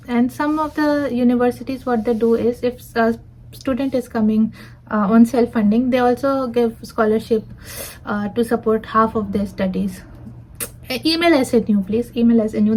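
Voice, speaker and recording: A woman's voice: fairly high pitch, mellow, poor audio. A woman in her twenties with an Indian accent, reading out viewer questions and answering them patiently in a casual Q&A. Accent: Indian English. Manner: reads questions aloud then answers in a patient, advising way.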